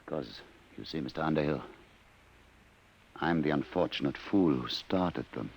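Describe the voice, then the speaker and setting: Guilt-ridden inventor, very deep and gravelly, old radio hiss. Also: male voice, lively intonation, normal speed, highs cut off, exaggerated voice. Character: remorseful male inventor, grave and weary. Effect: old radio recording. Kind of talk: 1950s radio drama acting. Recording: hissy old radio broadcast.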